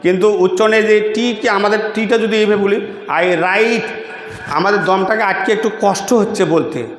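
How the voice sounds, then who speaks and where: A man leads an English pronunciation lesson, saying phrases slowly and checking in with his students. His voice sits fairly high. The recording has a roomy echo with a long tail. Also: a bit bright. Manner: drills pronunciation slowly, asks students to repeat; checks in often with rhetorical questions. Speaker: English teacher. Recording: echoey room with long reverb.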